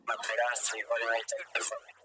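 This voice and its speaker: Young male witness heard over the phone, flat delivery, noisy line. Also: medium pitch. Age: young adult. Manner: halting, repeats words.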